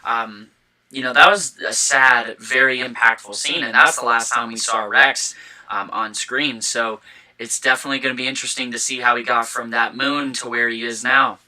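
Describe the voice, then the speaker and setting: A man's voice: mid-range voice, fairly even intonation, moderate pace, sharp tone, low-quality recording. A young man co-hosting a casual fan podcast, talking enthusiastically with lots of fillers and restarts, with the hiccups. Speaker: podcast co-host.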